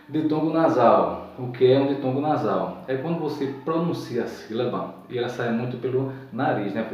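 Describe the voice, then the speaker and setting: A man teaches a grammar lesson at an even, patient pace, going over each point more than once and stopping to check that his listeners follow. He sounds some way from the mic in a very echoey room. The sound is dull and muffled. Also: mid-range voice, distant mic.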